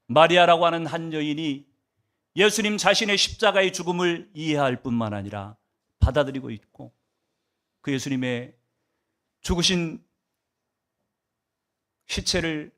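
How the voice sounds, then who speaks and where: A male pastor delivers a Sunday sermon, asking the congregation rhetorical questions and swinging his emphasis up and down. His voice is fairly high and fairly bright.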